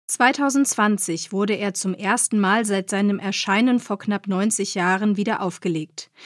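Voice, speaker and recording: A woman narrating a scripted radio feature on literature, measured and explanatory. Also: mid-range voice, no room sound, studio quality.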